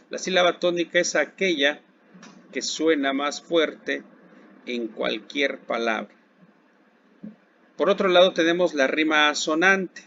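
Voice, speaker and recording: Casting note: male Mexican Spanish teacher, slightly higher voice, very slow pacing, asks and answers his own questions, dull lo-fi recording. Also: fairly bright tone. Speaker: secondary school Spanish teacher. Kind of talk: recorded classroom lesson. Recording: dull lo-fi recording with faint background hiss.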